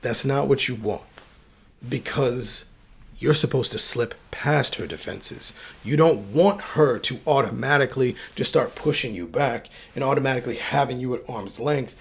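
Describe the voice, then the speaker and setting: A man coaches his viewers on dating in emphatic, slangy talk. His voice is a little husky. It sits at a middle pitch. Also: moderate pace. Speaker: dating advice host. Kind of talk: direct-to-camera advice talk.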